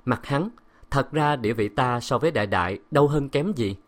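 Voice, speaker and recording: A man narrating a dramatic novel aloud in a steady, expressive audiobook reading. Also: medium pitch, fairly quick. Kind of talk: audiobook storytelling.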